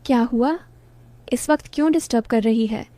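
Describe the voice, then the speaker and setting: एक महिला कहानी में एक शरारती, छेड़ने वाली युवा विवाहित बहन की आवाज़ देती है।. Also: female voice, a little high, moderate pace, mellow, no echo, lightly acted. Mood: irritated. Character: playful teasing young married woman, sister.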